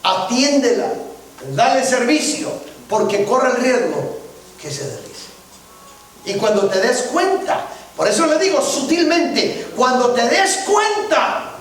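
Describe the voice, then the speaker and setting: A man's voice: extremely high pitch, expressive, unhurried. A man preaching a sermon as pastor, often checking that the congregation follows him. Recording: very echoey church from far off.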